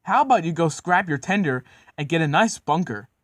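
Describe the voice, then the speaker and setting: A man's voice: fairly high pitch, animated, a little fast, a bit bright, no room sound, clean studio sound. A man doing a smug, cheeky little tank engine. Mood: taunting. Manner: smug and taunting.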